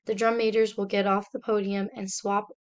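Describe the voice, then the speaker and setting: A young female student reads a slide presentation aloud, explaining things steadily and step by step. She has a mid-range voice, a moderate pace, and a clean tone.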